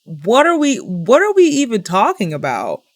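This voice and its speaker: A young woman giving an indignant commentary rant, piling up rhetorical questions and filling pauses with "like". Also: on the high side, wildly swooping pitch, no room sound. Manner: indignant, exasperated, repeats herself with rhetorical questions; heavy use of "like" as filler. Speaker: commentary vlogger.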